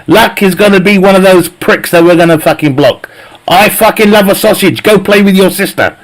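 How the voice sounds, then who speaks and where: A man with a high-sitting voice chats at a moderate pace with his live stream viewers while gaming. He swears a lot, trades jokey banter, and laughs often at his own jokes.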